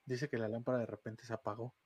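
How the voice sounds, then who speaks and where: A man's voice: medium pitch, little pitch movement, fast, a little mellow, husky, dry recording. A man with a Mexican Spanish accent, co-hosting a casual podcast chat and telling a ghost story with slang and laughter. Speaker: podcast co-host.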